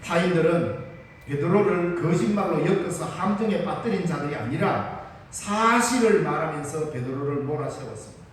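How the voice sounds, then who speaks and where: Gyeongsang pastor in an echoey hall. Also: male voice, a little high, lively intonation, normal speed, slight background noise. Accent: Gyeongsang Korean. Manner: storytelling, acts out the dialogue. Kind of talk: Sunday sermon. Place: church sanctuary. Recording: echoey church hall from far off.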